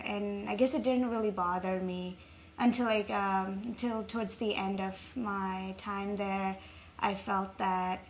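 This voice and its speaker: A woman's voice: mid-range voice, creaky. A young woman from Nepal, talking reflectively as an interview guest, with frequent ums. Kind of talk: casual interview. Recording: faint background noise.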